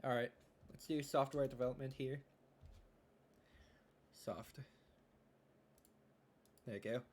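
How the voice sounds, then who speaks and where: Young man, live streamer, casual, thinking aloud, mumbled asides, medium pitch, mouse clicking behind. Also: steady tone, takes it slowly, a little mellow.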